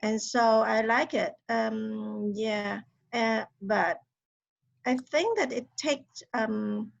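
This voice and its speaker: A woman teacher speaks slowly over a dull, lo-fi call line. Her voice is a little high and gravelly, and she pauses often on fillers. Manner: halting, frequent fillers. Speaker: teacher, webinar participant. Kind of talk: sharing classroom experience. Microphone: computer mic on a video call.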